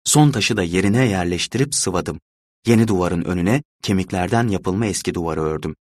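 A man reading a dark tale aloud in the first person, measured and brooding. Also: sits low, no echo, studio quality. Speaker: narrator. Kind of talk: dramatic audiobook reading.

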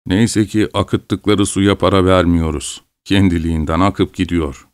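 A man voicing a sly old peasant father who talks in a gruff, scolding way. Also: sits low, fairly even intonation, unhurried, no room sound, clean studio sound.

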